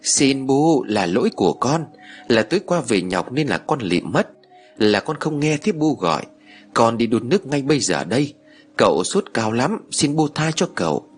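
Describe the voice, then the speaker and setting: A man's voice: mid-range voice, very animated, normal speed, husky, soft background music. A man doing an earnest young wife. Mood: begging. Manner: earnest, pleading. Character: young wife, loyal and pleading.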